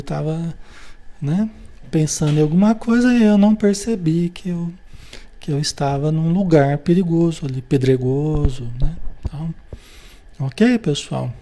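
A Brazilian teacher leads an informal spiritual study session in a mellow, warm-toned voice. Tag questions keep coming as the teacher checks that the group is following. Short everyday dialogues are played out along the way to make each point. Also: medium pitch. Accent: Brazilian Portuguese. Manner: acts out quoted everyday dialogues.

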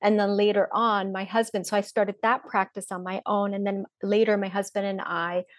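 A woman's voice: mid-range voice, little pitch movement, normal speed, no room sound, clean studio sound. A woman in her forties from Poland, a breathwork and mindset mentor, talking openly and reflectively as a podcast guest, with frequent fillers. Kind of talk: casual interview talk.

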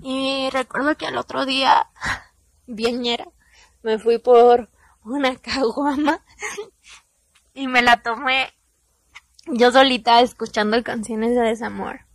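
A young Mexican woman tells a personal story straight to her viewers in a candid, confessional way, full of casual slang. Her voice sits high with a gravelly fry running through it. The sound is dry and close, with no room around it. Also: steady tone, takes it slowly, long pauses, no echo. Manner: candid, confessional, slangy, soft-spoken at times.

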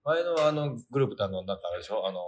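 A middle-aged man hosting a casual podcast chat, chatty and full of quick agreement. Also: mid-range voice, expressive, loud music behind the voice. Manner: rapid-fire, chatty, lots of quick back-channel agreement. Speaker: podcast host.

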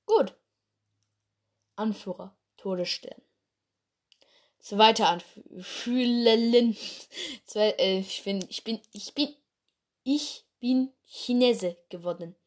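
The host of a fan clan roleplay channel chats casually in her bedroom, taking it slowly with long pauses in her medium-pitched voice. She giggles, rambles, and laughs at her own mistakes.

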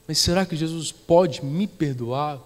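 A man's voice: on the high side, a little slow, natural voice. An anxious, remorseful older woman begs to know if she can be forgiven, as a Brazilian-accented preacher puts her on. The voice rises a little above his usual speech, pleading and unsteady. It rings with a long hall echo. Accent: Brazilian Portuguese.

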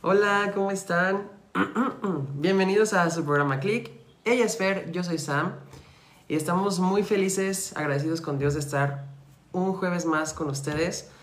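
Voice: mid-range voice, a little slow, slight background noise. A podcast co-host, welcoming listeners and recapping episodes in a friendly, conversational way. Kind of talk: casual faith podcast hosting. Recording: roomy echo.

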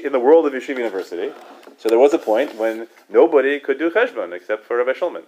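A man teaching a class on Talmud study in a loose, conversational way, often tagging "right?" onto his points. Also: medium pitch. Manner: conversational, many "right?" asides, quick restarts, chuckles. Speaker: Torah teacher.

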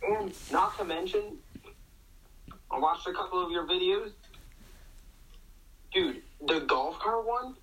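A man's voice: sits high, lively intonation, takes it slowly, long pauses, noisy background. A young man co-hosting a casual chat over a video call, teasing and mock-roasting a friend. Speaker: co-host.

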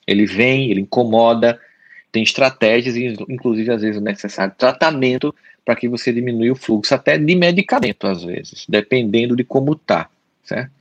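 Give me a husky man with a Brazilian Portuguese accent, talking directly to the listener and repeating key points, recorded dry. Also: medium pitch, normal speed, no echo, highs cut off. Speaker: podcast host on the mind. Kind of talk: explanatory solo talk.

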